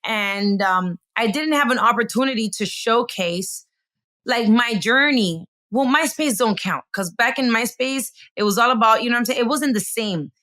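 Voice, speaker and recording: A woman's voice: on the high side, normal speed, a bit bright. A woman hosting a podcast in a bubbly, chatty way, slipping Spanish phrases into her talk. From raised in the United States. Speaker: podcast host. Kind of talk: casual podcast chat.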